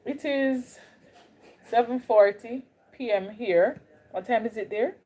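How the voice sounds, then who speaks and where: Taking things slowly, a livestream host with a mellow, somewhat high voice chats casually with her viewers and greets them. She's a young woman with a Jamaican accent, and her speech slides from one Caribbean accent to another.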